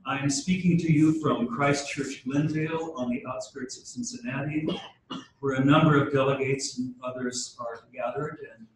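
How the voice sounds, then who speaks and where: A man's voice: medium pitch, steady tone, a little hiss or hum. Man speaking in a cathedral echo. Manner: measured and formal, with occasional halting restarts. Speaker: church leader opening a diocesan meeting. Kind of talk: formal address and liturgical prayer. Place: large church hall. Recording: cavernous church echo from a distant mic.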